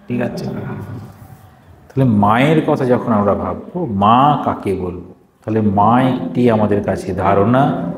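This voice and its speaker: In an echoey gathering hall with faint background noise, a monk with a lowish, slightly mellow voice leads a devotional talk for a live audience. He alternates between reading formal passages aloud and explaining them plainly, raising questions and answering them himself.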